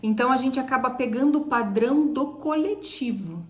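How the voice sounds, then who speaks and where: A woman from Brazil with a high voice, co-hosting a casual mentoring talk. She speaks emphatically and instructively, often addressing her audience straight on. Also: normal speed. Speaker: co-host of a mentoring live stream.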